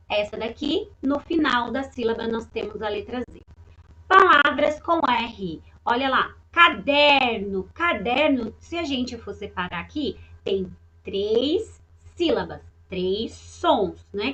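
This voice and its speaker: A woman's voice: fairly high pitch, bright, forceful tone, highs cut off. A woman teaching a recorded online lesson to young children, patient and repetitive, often checking that they follow. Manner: patient, repeats words and checks understanding. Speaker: primary school teacher.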